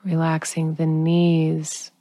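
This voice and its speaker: Lady doing sleep story style relaxation, super slow n calm, pretty even tone, long pauses. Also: low voice, slight background noise. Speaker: guided relaxation narrator. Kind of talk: slow soothing sleep meditation narration.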